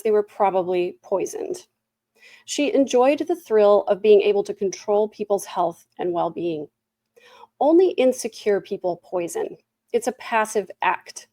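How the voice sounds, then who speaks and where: A woman with a medium-pitched voice delivers a prepared victim statement. Her tone is a little dark and mellow, and the sound is fairly dry. She speaks solemnly and deliberately, leaning on repetition as she lays out accusations. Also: no echo. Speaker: person giving a victim impact statement. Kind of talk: prepared statement read aloud.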